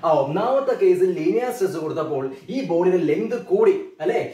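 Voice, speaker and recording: A man with a Malayali accent teaching a physics lesson. He keeps asking his students questions and repeats the key terms slowly. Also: high-pitched, animated, dark tone. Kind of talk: classroom lecture. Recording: echoey room, mic a bit distant.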